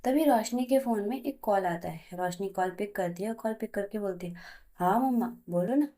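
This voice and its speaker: A woman's voice: medium pitch, brisk, warm tone. A woman narrating a romantic story in a plain, chatty way, voicing all the figures herself.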